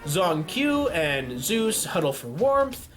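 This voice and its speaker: Man, excitable gaming commentator, swooping lively pitch, faint music behind. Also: slow. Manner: excitable, jokey, yells at events and laughs. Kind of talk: casual commentary on a game simulation.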